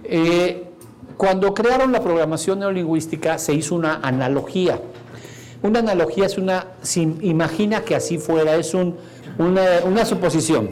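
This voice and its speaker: A man's voice: sits high, moderate pace, slight background noise. A man teaching a seminar on neuro-linguistic programming, talking to the audience with jokey asides and acting out quoted lines. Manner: animated, acts out quoted computer dialogue, jokey asides to the audience. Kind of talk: live seminar lecture.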